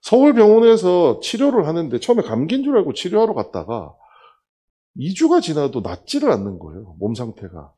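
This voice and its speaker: In his sermon, a middle-aged male pastor with a medium-pitched, slightly rough voice recounts his own testimony like a story, voicing the characters' dialogue with vivid, lively changes.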